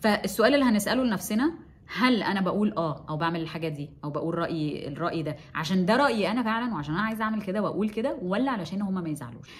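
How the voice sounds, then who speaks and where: A woman's voice: medium pitch, lively intonation. A woman with an Egyptian Arabic accent giving casual self-help advice to her audience and acting out both sides of little dialogues. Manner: rapid, conversational, acts out both sides of a dialogue. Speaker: self-help content creator. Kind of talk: casual advice talk to camera.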